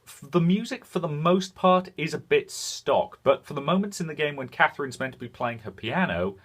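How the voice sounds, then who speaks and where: A man with a slightly high, expressive voice hosts a video game review, giving frank, semi-scripted commentary. He pauses deliberately for emphasis.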